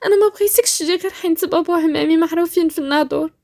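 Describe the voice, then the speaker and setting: A woman with a Moroccan accent voicing a frightened, desperate pregnant young woman who pleads and shouts through tears. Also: extremely high pitch, fast, pitched above the performer's own voice. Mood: pleading. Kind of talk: storytelling voice-acting.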